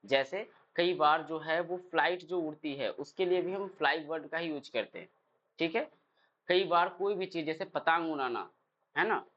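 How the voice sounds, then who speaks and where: A man's voice: a little high, fairly bright tone. A man teaching English verbs, who drills the word forms aloud and asks his class questions. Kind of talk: classroom lesson. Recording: dull lo-fi sound.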